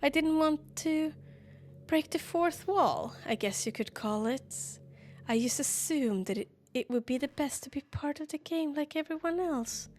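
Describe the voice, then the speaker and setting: Lovestruck self-aware game girl, soft and earnest, slightly high voice, read aloud by a woman. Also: lively intonation, a little slow, a little hiss or hum. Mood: affectionate. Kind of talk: reading game dialogue aloud.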